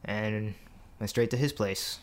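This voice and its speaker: A man's voice: on the low side, a little slow. Young man chatting easily in an interview. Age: young adult. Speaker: interview guest. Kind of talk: casual interview.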